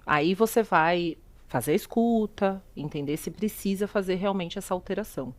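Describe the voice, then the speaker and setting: A middle-aged woman with a Brazilian Portuguese accent speaks at a normal speed in a fairly low voice. She's a sustainability executive appearing as a guest on a videocast interview, laying out her views and asking rhetorical questions along the way.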